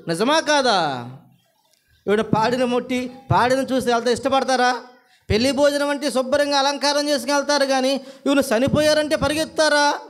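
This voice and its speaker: A man preaching a sermon, repeating phrases and asking the congregation rhetorical questions. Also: very high voice. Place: church service.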